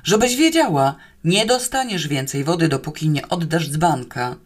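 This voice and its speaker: A woman's voice: deep voice, animated, normal speed. A woman voicing a flustered middle-aged male guard who hollers down a shaft in exasperation. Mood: exasperated.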